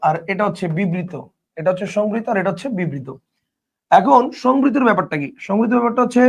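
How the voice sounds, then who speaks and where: A man's voice: sits high, creaky. A man giving a casual grammar lesson, repeating points and quizzing the listener with rhetorical questions. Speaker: teacher.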